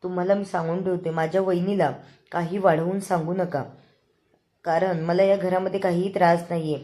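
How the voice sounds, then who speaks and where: A woman's voice: fairly low pitch, steady tone, a little fast, warm tone, close to an everyday voice. A woman voicing a tearful loyal young wife. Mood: defiant. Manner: pleading, defends her husband's household.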